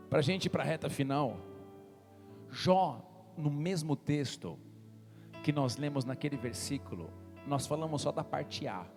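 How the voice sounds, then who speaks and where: Man, pastor, passionate sermon, high-pitched, long hall reverb, soft music behind. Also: vocal fry. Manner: impassioned preaching that swings from soft teaching to shouting.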